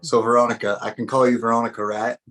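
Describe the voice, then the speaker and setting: A man's voice: mid-range voice, level tone, fast talker, fairly bright tone, soft background music, close to an everyday voice. A man putting on a rambling drawling ranter. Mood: mock-serious. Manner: mock-serious, rambling delivery. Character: ranting folksy man spouting conspiracy jokes. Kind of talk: comic character bit on a podcast.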